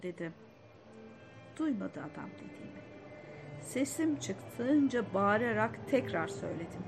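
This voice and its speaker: A woman's voice: mid-range voice, a little mellow, slight background noise. Woman reading a reflective story. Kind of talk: literary story narration.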